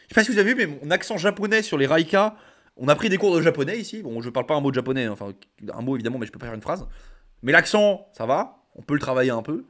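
A young man reading card effects aloud and reacting in relaxed slangy chat as a card game content creator. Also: on the high side, fast. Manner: reads card text then comments casually with slang. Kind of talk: casual card review reading.

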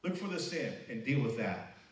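A man's voice: medium pitch, big pitch swings, moderate pace. A man preaching a sermon as pastor, emphatic and conversational. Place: church sanctuary. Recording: very echoey church hall, mic at a distance.

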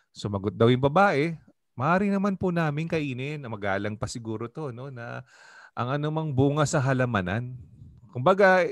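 A Filipino man, a pastor, guides a Bible study in mixed Tagalog and English, keeping it conversational and often quizzing the group. He has a medium-pitched voice, recorded without echo.

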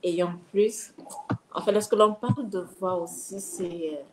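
A woman's voice: medium pitch, unhurried. Woman guest, hesitant, echoey noisy room. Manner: searching for words, many fillers and restarts. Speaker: guest speaker. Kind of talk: live online talk.

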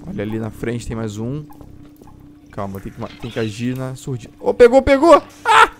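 A man with a Brazilian Portuguese accent giving let's-play commentary, jumpy and quick to yelp and swear when startled. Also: on the low side, fairly even intonation, over music. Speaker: gameplay streamer.

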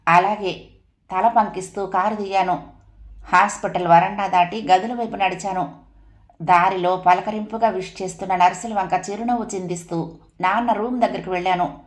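A woman narrating a first-person family story in a steady, even audiobook reading. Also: mid-range voice, normal speed.

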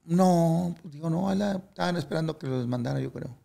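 Telling stories in a casual interview, the older male guest musician is frank and blunt, swears without restraint, and mimics what others said. His voice runs on the high side, fairly quick and creaky, with a warm tone.

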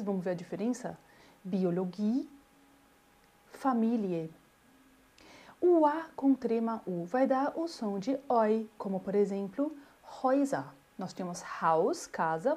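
A woman, teaching a German pronunciation lesson and saying example words slowly and repeating them. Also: medium pitch, animated, darkish tone.

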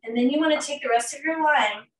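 A middle-aged nutrition educator leads a live cooking class from her home kitchen, chatty and upbeat, using many fillers and hurrying around the stove as she cooks. Her voice sits high at a quick pace. A laptop or fixed camera across the kitchen captures roomy, distant sound with slight background noise.

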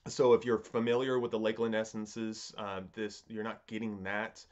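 A man in his thirties giving a casual, unscripted review in a halting, musing way, often rephrasing himself, recorded at a desk in a home study. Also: fairly low pitch, little pitch movement, a little mellow, highs cut off. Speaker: pipe tobacco reviewer.

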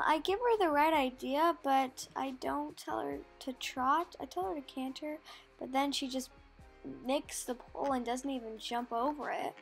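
Brief: female vlog narrator, high and chatty, rambling, soft music underneath. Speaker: vlogger narrating her riding lesson. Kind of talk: casual voice-over narration.

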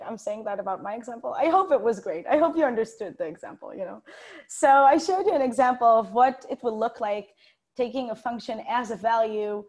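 A somewhat high, slightly mellow voice belongs to a young woman, a software developer speaking at a conference via video call. Surrounded by bookshelves indoors, she keeps the tech talk casual, giggling, chatting, and making light of herself.

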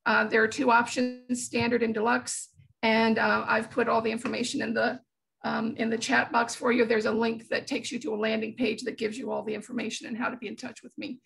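A woman giving an eager short pitch for her small business on a video call, with frequent ums and restarts. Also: little pitch movement, fairly quick, creaky, a bit bright, rough recording.

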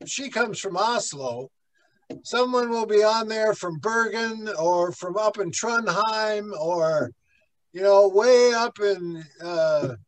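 A man's voice: sits high, a bit bright, rough recording. A man, a pastor, teaching a church class in a conversational, rambling way with many fillers and asides. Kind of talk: conversational Bible class lecture.

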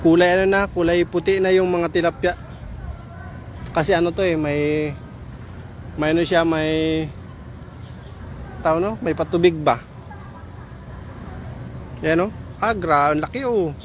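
With a fairly high voice, a little slow and with long pauses, a man from Samar, Philippines, vlogs by phone as he walks past a pond in a daytime park. Slight background noise accompanies his chatty, excited talk to viewers he calls "idol."

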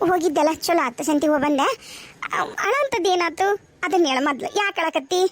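Woman plays cartoon village mom, North Karnataka accent, scolds loudly, sits very high in the voice. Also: quick pace, dry recording. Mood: fretful. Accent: North Karnataka Kannada. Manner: loud, scolding, fussing questions. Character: fretful village mother, middle-aged, scolding and anxious. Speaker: mother. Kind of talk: cartoon voice acting.

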